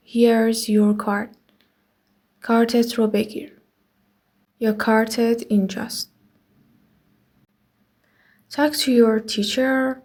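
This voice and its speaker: A woman teaching an English lesson, with Persian as her first language. She reads each English line slowly and carefully, then explains it quickly. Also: on the high side, a little mellow.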